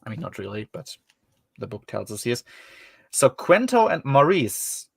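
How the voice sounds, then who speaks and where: A man's voice: mid-range voice, big pitch swings, normal speed, gravelly, breathy edge, no echo. A man with a German accent, hosting a casual book-discussion podcast and talking in a rambling, wry way with many fillers. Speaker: podcast host.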